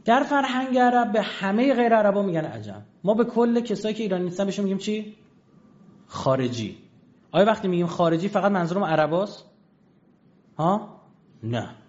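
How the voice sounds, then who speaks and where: Guy lecturing hard, keeps throwing questions at the room, kinda high voice, dull lo-fi recording. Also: very animated. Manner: emphatic, rhetorical questions to the audience; reads out dictionary entries and verses slowly. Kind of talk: argumentative lecture.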